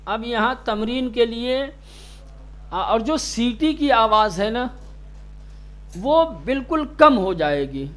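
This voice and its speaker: A stern male recitation teacher with a noticeably high voice leads a classroom lesson. He draws out each letter sound slowly to demonstrate it and snaps at inattentive students. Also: lively intonation. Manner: stern, scolds students sharply.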